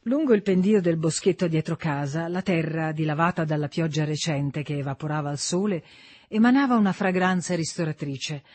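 A man reading literary fiction aloud as narrator, calm and even. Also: on the high side, brisk, no echo. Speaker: audiobook narrator.

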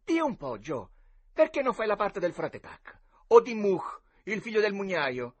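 Adult man voicing a loud theatrical boy hero, high and husky, for an audiobook. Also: big pitch swings, unhurried, exaggerated voice. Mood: arguing. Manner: shouty, dramatic, theatrical. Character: boisterous boy playing outlaw hero.

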